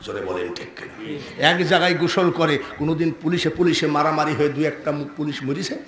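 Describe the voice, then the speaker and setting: A male preacher with a Bangladeshi Bengali accent, telling a story in a sing-song, chanting way, asking the crowd questions and shouting out lines. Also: on the high side, a little fast. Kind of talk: waz sermon with storytelling. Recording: echoey hall with long reverb.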